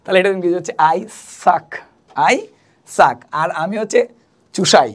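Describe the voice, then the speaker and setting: A woman's voice: fairly low pitch, moderate pace. A young woman teaching an English lesson, patiently repeating and spelling out each word. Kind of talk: spoken language lesson.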